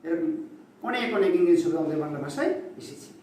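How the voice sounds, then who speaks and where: High-pitched man lecturing in an echoey room. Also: very animated, darkish tone, far from the mic. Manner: slow, deliberate listing of example words. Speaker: Bangla grammar teacher. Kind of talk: classroom-style lecture. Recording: very echoey room, voice from off-mic, faint background noise.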